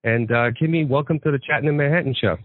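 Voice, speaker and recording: A man's voice: mid-range voice, dry recording. Male talk-radio host, friendly questioner, hesitant uhs, dry and tinny sound. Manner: halting, with uhs and quick laughs. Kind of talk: radio interview. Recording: tinny phone-like line, dry.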